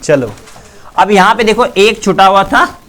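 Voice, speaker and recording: Higher-pitched man teaching in a slow Bihari drill. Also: animated, a bit bright. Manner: drills sounds slowly, quizzes students often. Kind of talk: classroom Hindi pronunciation lesson.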